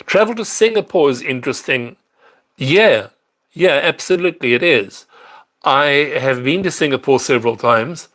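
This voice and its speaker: A man's voice: mid-range voice, lively intonation, normal speed, a bit bright. Chatty man, live-stream host. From South Africa. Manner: chatty and rambling, with fillers and self-corrections. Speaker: livestream host answering viewer questions. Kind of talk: casual live-stream chat. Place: apartment in a large city.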